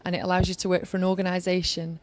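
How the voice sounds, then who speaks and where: Rapid-fire and lowish, the voice belongs to a woman in her thirties from Yorkshire who formerly worked on Olympic organising staff. Interviewed, she speaks in an earnest, steady flow, giving advice.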